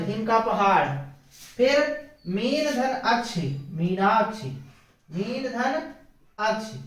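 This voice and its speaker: A woman's voice: a little high, far from the mic. A woman teaching a grammar lesson, explaining step by step and repeating each word split aloud. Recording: echoey room, voice off-mic.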